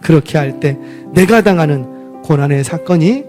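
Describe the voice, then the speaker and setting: Male pastor, revival sermon, lively high voice, rhetorical questions and shouting. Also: moderate pace, soft background music. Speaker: senior pastor. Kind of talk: Friday night revival sermon. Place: church service.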